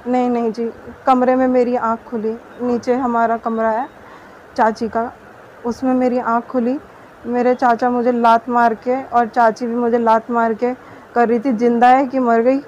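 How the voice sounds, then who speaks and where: A woman's voice: on the high side, level tone, a little slow, darkish tone. A young woman giving an earnest, detailed account in a news interview. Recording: dull muffled audio with faint noise.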